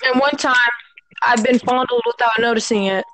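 A young woman on a friends' call, loud and blurting, throwing in crude jokes. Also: a little high, moderate pace. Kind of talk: casual chat among friends on a call.

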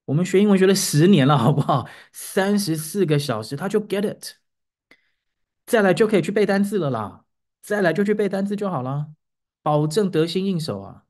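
A male teacher hosts a casual talk show, recounting a classroom moment with growing excitement. He sounds out simple English words to show how intonation shifts, and his voice climbs as the story builds. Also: moderate pace. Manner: animated storytelling, pitch rising as he gets excited; demonstrates English word intonation aloud. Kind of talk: casual podcast monologue.

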